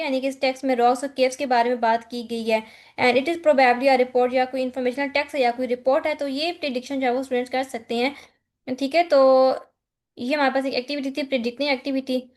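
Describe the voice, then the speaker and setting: A woman from Pakistan with a Pakistani accent, teaching an exam-focused lecture, reading points aloud and then explaining them with frequent check-ins. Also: high voice. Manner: mixes Hindi-Urdu with English terms, reads slide points then explains them. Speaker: online course tutor.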